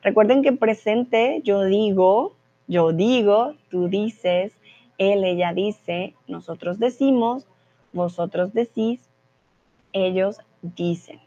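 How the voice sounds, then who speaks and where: A woman's voice: medium pitch, slow pace, warm tone, highs cut off. A woman teaching a live online class, patiently explaining grammar with repeated example sentences. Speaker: Spanish teacher. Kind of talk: live online language lesson.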